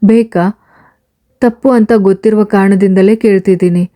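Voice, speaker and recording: A woman's voice: mid-range voice, fairly even intonation, moderate pace, mellow, close to an everyday voice. A woman voicing a young husband with a temper who pleads earnestly with his wife, in an audiobook serial. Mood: remorseful. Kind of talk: audiobook character reading.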